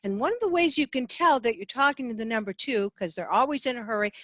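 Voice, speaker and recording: Animated woman presenting a sales lesson. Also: fairly high pitch, quick pace, dry recording. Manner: lively, sings phrases up and down to demonstrate inflection. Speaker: sales trainer.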